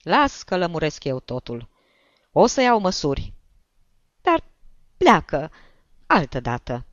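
Woman doing a fretful, exasperated older man, low voice, dull lo-fi sound. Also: big pitch swings, dry recording. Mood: weary. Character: nervous, irritable older male bank director. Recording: dull lo-fi recording.

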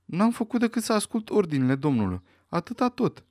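A man reading aloud, voicing a panicky, servile middle-aged butler who pleads in a hurried way. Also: high voice, big pitch swings, a little mellow, no room sound, clean studio sound, voice pushed up. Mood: pleading.

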